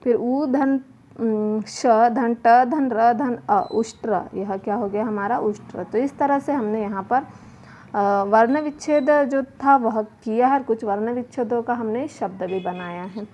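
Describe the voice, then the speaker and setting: A woman teacher going slowly through a children's worksheet, spelling words letter by letter and answering her own questions. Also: fairly high pitch, dark tone. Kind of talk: slow worksheet lesson for children. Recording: muffled home video with faint noise.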